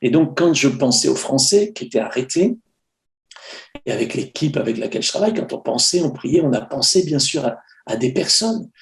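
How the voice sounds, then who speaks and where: Gravelly-voiced French man, hesitant. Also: medium pitch, expressive, a little fast. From France. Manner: hesitant, many fillers and restarts. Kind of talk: casual conversational sharing. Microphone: video call.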